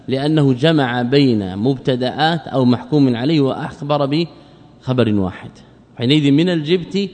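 Male sheikh giving a text lesson, mid-pitched voice, repeats and quizzes students, reverberant hall. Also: a little mellow. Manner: explains slowly, repeats key phrases, quizzes students. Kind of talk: classical Arabic study lesson. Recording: long reverb of a lecture hall.

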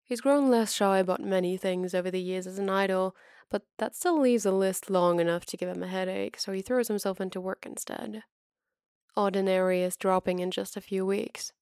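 A woman reading fan fiction aloud as narrator, with steady, even storytelling. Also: medium pitch, normal speed, clean tone, no echo, studio quality.

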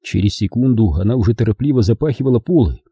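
A man reading a first-person audiobook story with wry, expressive storytelling. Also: lowish voice, quick pace, husky, no echo. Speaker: audiobook narrator.

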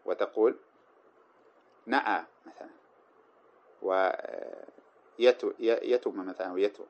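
A man teaching grammar, reciting lines of verse slowly and then explaining them with many short examples. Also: medium pitch. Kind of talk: explaining a grammar poem line by line. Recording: dull lo-fi recording.

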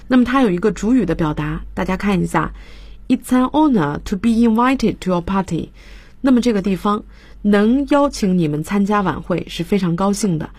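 A woman teaching English on a radio program reads out English example lines and explains grammar points in Chinese from the studio. She has a medium-pitched, darkish, slightly rough voice, captured in a dry recording.

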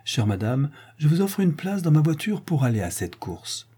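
A man's voice: on the high side, sing-song, normal speed, warm tone, slightly rough, pitched above the performer's own voice, heavily acted. A man reading the part of a gracious, affable society hostess in a storybook reading.

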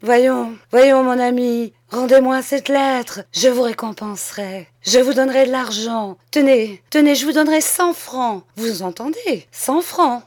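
A woman's voice: medium pitch, expressive, a little slow, no echo, clean studio sound, pitched above the performer's own voice. A woman playing a blustering desperate village mayor. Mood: begging. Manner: blustering, then pleading and stammering. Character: middle-aged male village mayor, violent-tempered, desperate.

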